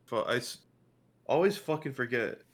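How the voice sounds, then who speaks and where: A man's voice: medium pitch, very animated, moderate pace. A man playing a tabletop game, hesitant and muttering, swearing as he fumbles the rules. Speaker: player. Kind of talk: casual tabletop game chat.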